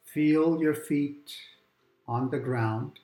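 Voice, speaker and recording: A man guiding a calm grounding meditation exercise, giving gentle, unhurried instructions with long pauses between phrases. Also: a little high, echoey room. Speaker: meditation guide. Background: quiet background music.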